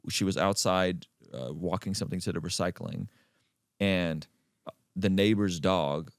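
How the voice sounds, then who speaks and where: A man from Azerbaijan hosting a podcast conversation, talking emphatically and leaping up in pitch to stress his points. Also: a little slow, dry recording, clean studio sound. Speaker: podcast host.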